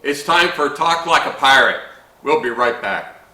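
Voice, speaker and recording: A man's voice: medium pitch, lively intonation, measured pace, sharp tone, reverberant, recorded from a distance, rough recording. A man hosting a home bar show, walking through a drink recipe in a folksy, chatty way with playful pirate slang. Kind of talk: casual drink-making tutorial.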